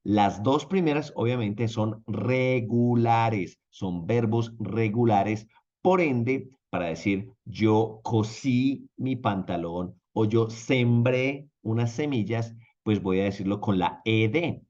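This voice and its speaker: The sound is lo-fi, and the man's pitch sits fairly low. Working as an English teacher in an online language lesson, he explains with patience and lively, drawn-out phrasing, checking in again and again with viewers.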